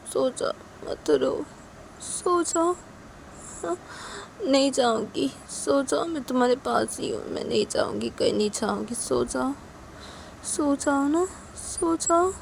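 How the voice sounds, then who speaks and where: A woman's voice: sits high, slow pace, creaky, long pauses, a little hiss or hum, voice pushed up, exaggerated voice. A woman doing a pleading, tearful young woman. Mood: soothing. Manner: pleading, soft, repetitive.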